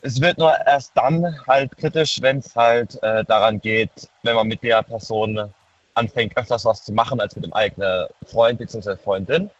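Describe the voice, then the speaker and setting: Husky young man on a phone line. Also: on the low side, moderate pace, no room sound. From near Heidelberg, Germany. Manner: hesitant, lots of filler words. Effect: heard over a phone line. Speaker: caller. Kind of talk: casual call-in chat. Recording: muffled dry phone line.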